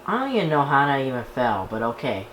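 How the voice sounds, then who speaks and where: A video creator talks fast in a sing-song, slightly bright mid-range voice while showing a radio collection in a casual, rambling vlog with many restarted sentences. The indoor space is echoey, with background noise.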